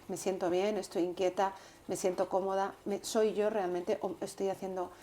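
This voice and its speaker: Warm, low-toned woman speaking earnestly. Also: a little hiss or hum. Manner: earnest, measured, repeats words while thinking. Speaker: interview guest. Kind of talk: reflective interview talk.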